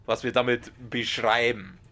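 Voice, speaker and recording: This young let's play streamer, Bavarian accent and all, narrates his game live with a loud, strong, gravelly mid-range voice that can seem like shouting even when he talks normally. Excitable, he's quick to curse at the game.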